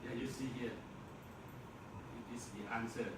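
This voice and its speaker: A man with a Burmese accent teaching an English class, speaking slowly, repeating words and chuckling often. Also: mid-range voice, fairly even intonation. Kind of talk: classroom lecture. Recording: echoey classroom, mic far off, noisy.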